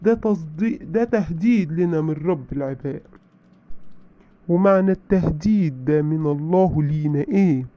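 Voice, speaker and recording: A man's voice: a little high, normal speed. A man with an Egyptian accent giving blunt relationship advice in a lecturing, preachy way. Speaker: advice giver. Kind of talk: direct advice monologue. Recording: dull lo-fi sound.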